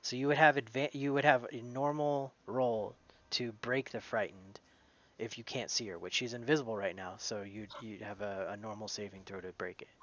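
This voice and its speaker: A man's voice: on the low side, fairly even intonation, normal speed, fairly bright tone, lo-fi sound. A man narrating as game master in a tabletop game, casual, swearing now and then, restarting his phrases as he goes.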